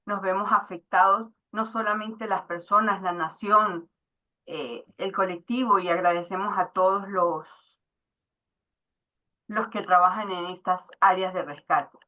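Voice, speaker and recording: A woman moderating an online panel, thanking the speaker with hesitant, drawn-out phrasing. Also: mid-range voice, fairly even intonation. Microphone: video call. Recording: dull lo-fi video call audio.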